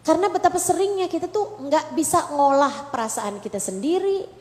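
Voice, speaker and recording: A woman's voice: sits high, expressive, fairly quick, darkish tone. A woman preacher giving a conversational sermon to women, acting out heartfelt prayers in between. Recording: echoey hall with long reverb.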